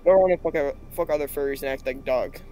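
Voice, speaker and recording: Fast-talking blunt young-sounding guy. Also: medium pitch, warm tone, faint music behind, low-quality recording. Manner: blunt, crude, laid-back, says dude a lot. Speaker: stranger on a video chat. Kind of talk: casual video chat.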